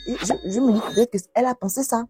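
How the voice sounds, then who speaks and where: A young woman YouTuber telling viewers' love stories and reacting to them in an expressive, exclaiming way. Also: a little high, quick pace, soft background music. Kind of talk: storytelling with commentary.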